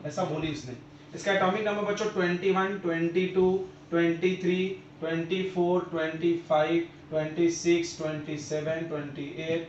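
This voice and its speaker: A man's voice: high voice, a bit bright, slight background noise. A man who is a chemistry teacher, giving a classroom lecture and drilling his students with repeated questions and answers. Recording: roomy, dull lo-fi classroom recording.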